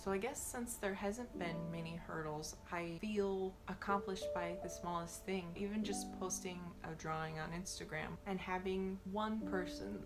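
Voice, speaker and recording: A woman's voice: lowish voice, fairly even intonation, moderate pace, hardly any pauses. A woman in her late twenties from Minnesota, an illustrator, chatting upbeat in an interview. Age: 20s. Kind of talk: interview answers. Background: music.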